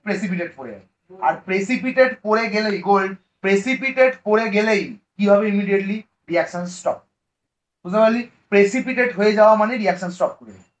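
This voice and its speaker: A man teaching chemistry in a classroom lecture, lively and coaxing, often checking that the students follow. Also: high-pitched, quick pace.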